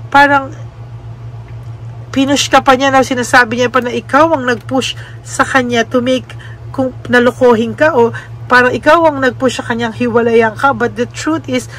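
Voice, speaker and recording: A Filipino woman giving a casual spoken card reading to her viewers, gentle and often adding little tag questions. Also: high-pitched, steady tone, a little slow, pauses often, slight background noise. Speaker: tarot card reader.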